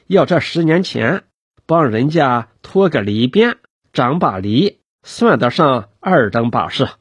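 A man's voice: medium pitch, big pitch swings, slow, slightly rough, dry recording, full character voice. A man voicing a cheerful older country carter who talks in a homely, folksy way. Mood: chatty. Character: cheerful older rural male cart driver.

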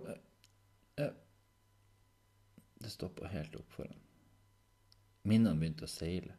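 A man narrating a children's story chapter with an expressive, dramatic reading. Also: on the low side.

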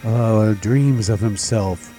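An older man hosting a show, reminiscing casually in a folksy, halting, rambling way. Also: fairly low pitch, warm tone, soft background music. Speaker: old-time radio show host.

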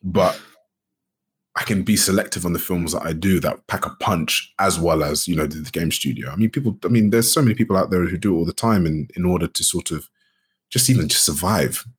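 A man being interviewed as a guest, speaking in a relaxed, rambling way with many "you know"s and restarts. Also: deep voice, fairly quick, breathy edge. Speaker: guest, actor and game studio founder. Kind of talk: casual interview chat.

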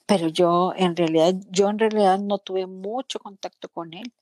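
A woman tells a personal story in conversation, earnest and lively, speaking about her faith. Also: mid-range voice, moderate pace, no room sound. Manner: animated, acts out other people's words in quotes.

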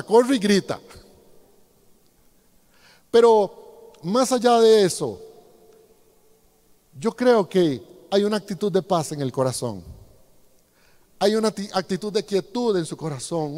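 High-voiced preacher man in a reverberant hall. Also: a little mellow. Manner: addresses the congregation directly, rhetorical questions. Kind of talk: sermon.

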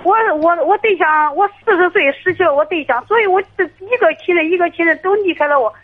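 A middle-aged woman calling in to an advice show, talking haltingly with many restarts over a tinny phone line. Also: extremely high pitch. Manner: halting, hesitant, restarts often. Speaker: caller.

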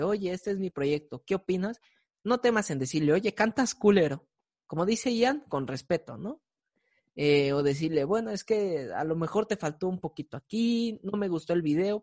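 A podcast co-host with a Mexican accent, chatting casually, laughing often and filling pauses with hesitant sounds. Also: medium pitch, darkish tone. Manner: giggly, lots of hesitant fillers. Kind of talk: casual chat.

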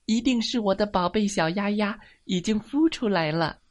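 A woman's voice: sits low, animated, measured pace, pitched above the performer's own voice. A woman voicing a courteous duck parent who asks after its egg in a storybook reading. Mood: polite. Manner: courteous, eager. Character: polite duck parent, big feet.

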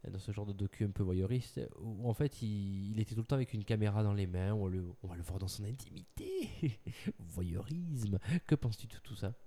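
A man with a very dark, mellow voice chats casually about film news. He is playful and teasing, often laughing as he quizzes his co-host. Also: on the low side, normal speed, hardly any pauses.

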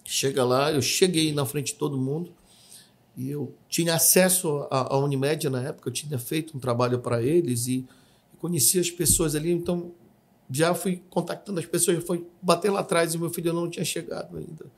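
Husky-voiced man telling a testimony. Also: on the high side, steady tone, brisk. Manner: vivid storytelling, acts out shouts and quotes. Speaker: podcast guest giving testimony. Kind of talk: emotional personal testimony.

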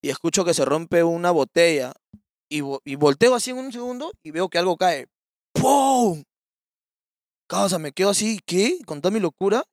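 A man's voice: high voice, expressive, a little fast, no room sound, clean studio sound. A young man with a Peruvian accent telling a story in casual chat, full of slang and acting out the people he quotes. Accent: Peruvian Spanish.

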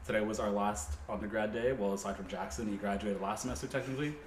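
A man's voice: lowish voice, fairly even intonation, quick pace. A young man in his twenties hosting a casual student podcast, teasing and joking. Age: 20s. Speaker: podcast host. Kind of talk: casual chat. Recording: echoey room, faint noise.

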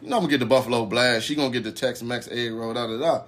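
A man's voice: medium pitch, very fast, a bit bright. A man hosting a podcast, telling a story in casual, profane slang and often asking "you know what I'm saying". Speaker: podcast host.

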